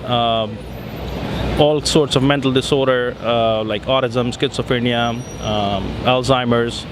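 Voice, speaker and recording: A man in his thirties from Punjab, India, with an Indian accent, is a guest in a casual interview held outdoors in a city square. His mid-range voice has fairly even intonation, and he answers hesitantly, pausing often with many fillers, while city traffic noise sounds behind him.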